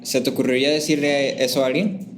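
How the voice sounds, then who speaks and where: A man leading a church class at a middle pitch, talking easily and asking his listeners questions. He breaks into higher, livelier voices to act out things people say. A faint hiss sits under his voice. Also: quick pace. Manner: lively, acts out sample phrases in raised voices; conversational, asks the class questions.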